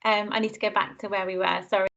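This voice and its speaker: A woman's voice: mid-range voice, little pitch movement, fast talker, creaky, a bit bright. Woman explaining over a muffled video call. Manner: chatty, explains step by step with fillers. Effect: heard over a video call. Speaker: trainer demonstrating software. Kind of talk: casual instructional explanation.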